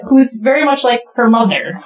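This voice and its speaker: A woman's voice: fairly high pitch, normal speed, recorded from a distance, crowd noise. A woman in her thirties co-hosting a podcast, chatting casually and laughing along, recorded through a poor, failing microphone. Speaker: podcast co-host. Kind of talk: casual chat. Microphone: cheap podcast mic. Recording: poor, failing mic, set off from the mic.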